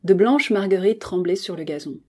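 A woman podcast host reading a classic novel aloud with calm, even narration. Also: medium pitch, normal speed, slightly rough.

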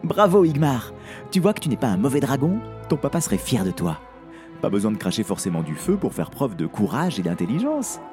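A man's voice: medium pitch, big pitch swings, brisk, darkish tone, faint music behind, close to an everyday voice. Man doing a timid earnest young knight. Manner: pleading, urgent.

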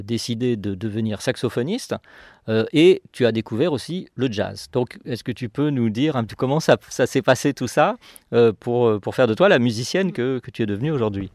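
A man's voice: medium pitch, darkish tone, dry recording, clean studio sound. A man hosting a conversational radio interview, phrasing his questions in a hesitant, rambling way.

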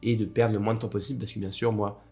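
A young man with a cold-roughened voice hosting a casual solo podcast, rambling with many fillers and restarts. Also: lowish voice, level tone, fast, dark tone. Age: young adult. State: hoarse from a cold. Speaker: podcast host.

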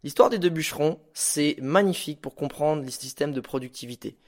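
A man hosting a podcast, giving casual motivational advice in an informal, animated way, with slang and the odd swear word. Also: a little high, fairly quick. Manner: acts out stories with sound effects. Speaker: podcast host.

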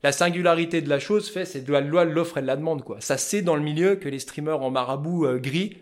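Loud passionate man with a Vosges accent. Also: a little high, quick pace. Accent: Vosges French. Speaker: fly-tying business owner, guest. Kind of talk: casual interview chat.

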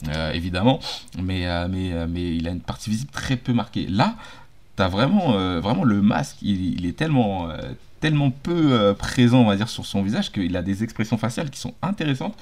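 A man's voice: on the low side, animated, brisk, darkish tone. A man in casual conversation about a film, talking with many fillers and restarts.

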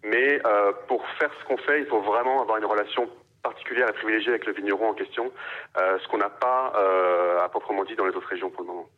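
Hesitant Parisian man, low voice. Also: fast. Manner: hesitant, many fillers and restarts. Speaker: winemaker guest. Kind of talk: radio interview answers. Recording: dull radio sound.

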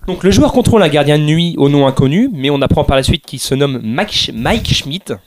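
A man's voice: fairly high pitch, lively intonation, fairly quick. A man hosting a casual chat, explaining things at length with frequent restarts and laughs. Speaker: podcast host presenting a game series.

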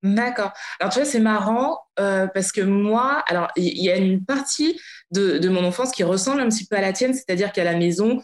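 A woman's voice: mid-range voice, brisk. A woman in her late thirties from France, hosting a casual interview podcast in a friendly, conversational way. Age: late 30s. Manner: friendly, conversational, addresses guest informally. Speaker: podcast host.

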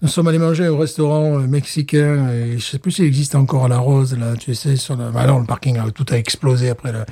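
A man from France co-hosting a podcast in casual chat, animated, laughing often and stumbling over repeated words. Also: mid-range voice, a little fast, husky. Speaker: podcast co-host.

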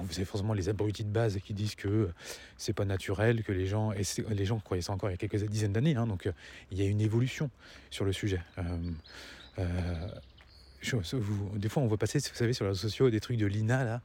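A man's voice: fairly low pitch, steady tone, brisk, dark tone, a little hiss or hum. A man giving a casual opinion monologue to viewers as a vlogger, rambling and stammering, swallowing words as he walks outdoors. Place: outdoors, walking, nearing a road.

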